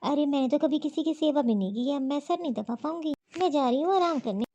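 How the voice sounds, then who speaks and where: A woman plays a lazy, defiant young daughter-in-law in a cartoon story. She turns down every request with curt refusals in a high voice. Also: fast talker, dark tone, highs cut off, close to an everyday voice. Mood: dismissive.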